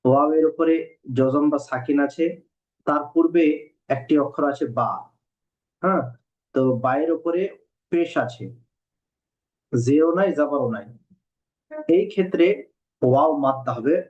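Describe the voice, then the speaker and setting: A man teaching Quran reading in a recorded lesson, patiently repeating rules and spelling letters out slowly. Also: on the high side, a little mellow. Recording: dull lo-fi recording.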